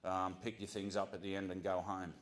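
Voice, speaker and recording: An Australian man giving an earnest prepared speech to a community gathering, often pausing with ums and restarting his sentences. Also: deep voice, completely flat delivery. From Central Coast of New South Wales, Australia. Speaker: community speaker.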